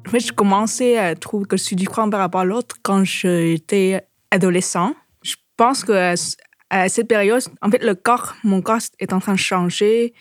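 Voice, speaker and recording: A woman's voice: medium pitch, normal speed, no echo, clean studio sound, soft background music. A woman from Southeast Asia giving a personal testimony in a hesitant way, often restarting and repeating words. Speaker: interviewee.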